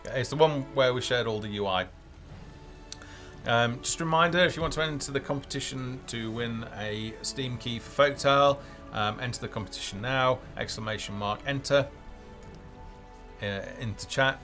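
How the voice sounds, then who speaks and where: On a laid-back game developer live stream with music behind his voice, the male host thinks aloud spontaneously, hesitating and rambling. He talks at normal speed in a mid-range, somewhat bright voice.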